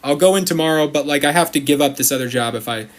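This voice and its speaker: A man's voice: a little high, fast talker. A man hosting a casual livestream, rambling and chatty, greeting viewers by name in the middle of his sentences. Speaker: livestream host.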